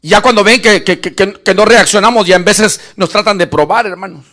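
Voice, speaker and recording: A man preaching an animated sermon, shouting at peaks and acting out Bible scenes in voices. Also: sits high, brisk. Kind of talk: lively Spanish-language sermon.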